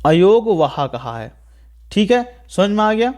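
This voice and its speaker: This man's voice is high-pitched and sing-song, a little slow, and darkish in tone. As a teacher, he leads a Hindi grammar video lecture step by step, regularly checking with the class with "ठीक है" and repeating the key points.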